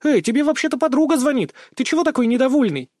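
A man's voice: very high-pitched, lively intonation, fast talker, darkish tone, dry recording, clean studio sound, pitched above the performer's own voice. A man voicing a cheerful, pushy young woman who chatters and wheedles in an audiobook. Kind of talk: audiobook narration.

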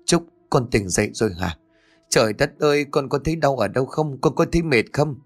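A man's voice: mid-range voice, animated, a little fast, soft background music. A man voicing an anxious middle-aged mother who pleads with breathless urgency in an audio horror story. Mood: frantic.

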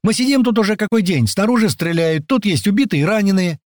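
Man voicing a shrill indignant woman tourist. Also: animated, fast talker, no room sound, studio quality. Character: irritated middle-aged woman tourist, loud.

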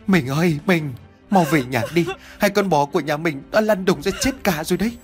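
A man's voice: a little high, fairly quick, faint music behind, pitched above the performer's own voice, natural voice. Man doing a panicked village wife. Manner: breathless, frantic shouting.

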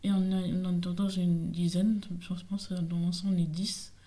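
Brief: woman resident doing an interview, warm dark voice, casual and hesitant. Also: fairly low pitch, level tone. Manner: halting, casual. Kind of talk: conversational interview.

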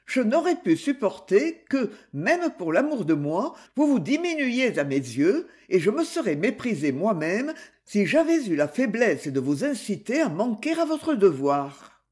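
A man's voice: high voice, very animated, measured pace, darkish tone. A man voicing a proud, tender young woman in love, grave and fervent.

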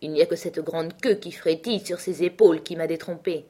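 A woman's voice: sits low, fairly even intonation, a little fast, mellow. A woman reading aloud, voicing an arrogant young male musketeer who sneers at commoners. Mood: haughty sneering. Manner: haughty, sneering.

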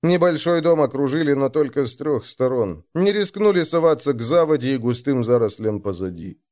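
A man narrating a dark first-person adventure story, slowing down and raising his voice for the shouted lines of other characters. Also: mid-range voice, lively intonation.

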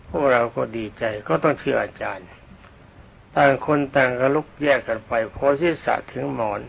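An older man, a Buddhist monk, telling a slow dharma story, often clearing his throat, on a dull old recording. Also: medium pitch.

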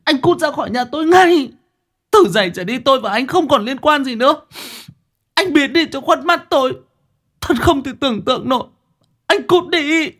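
A man voicing an enraged young woman who screams and scolds her ex-lover in a shrill voice. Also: big pitch swings, brisk, long pauses, husky, full character voice. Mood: furious.

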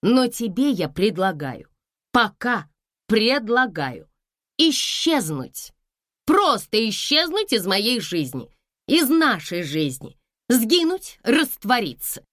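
A woman's voice: a little high, very animated, slow, no echo, clean studio sound, voice pushed up. A woman voicing a confident, mocking middle-aged wife who speaks with sarcastic scorn and keeps pressing her rival. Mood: scornful.

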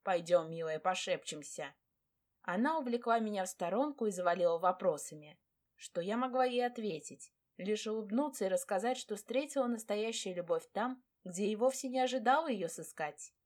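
A woman narrating a first-person romance audiobook in a warm, expressive reading. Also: medium pitch, brisk.

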